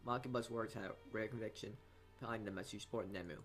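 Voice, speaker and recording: A let's player reads visual novel narration aloud, frequently stumbling over words, with game music running behind his voice. He talks fast, and his husky voice is fairly low with fairly even intonation.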